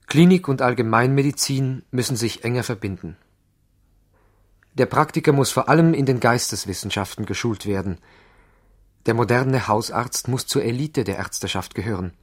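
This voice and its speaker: Speaking with a Swiss German accent, a male actor portrays an idealistic, earnest young doctor in a radio play from the 1970s. His delivery is measured and formal, his mid-range voice natural, and his mood earnest and grave.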